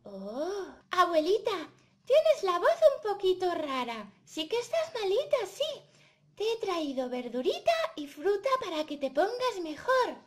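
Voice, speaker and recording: A woman's voice: huge pitch swings, unhurried, heavily acted. Caperucita, woman doing a chirpy little girl. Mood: concerned. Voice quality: high, chirpy, exclaiming.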